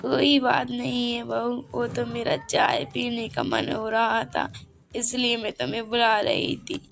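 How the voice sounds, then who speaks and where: A woman's voice: on the high side, a little slow, creaky, faint music behind. Woman doing a meek old mother-in-law. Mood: pleading. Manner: gentle, pleading.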